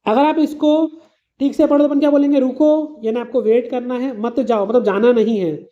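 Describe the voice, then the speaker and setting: A woman's voice: fairly high pitch, fairly even intonation, moderate pace, highs cut off. A woman teacher giving an exam revision lesson, explaining patiently with simple everyday examples and calling her students "beta".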